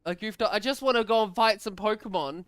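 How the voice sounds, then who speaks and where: A young man plays a game on stream and grumbles at it, laughing and yelling in bursts. His voice is bright and very clear, with a lively, unhurried delivery. The sound is dry and close. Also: high-pitched, no room sound. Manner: frustrated, laughing, shouts in bursts. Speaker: gaming streamer. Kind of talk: casual gaming chat.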